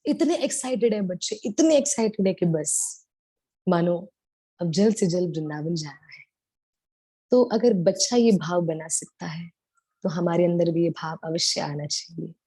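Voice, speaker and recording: Warm, tender devotional storyteller woman. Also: on the low side, measured pace, slightly rough, no room sound. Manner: tender, animated storytelling with Hindi-English mixing. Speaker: devotional speaker.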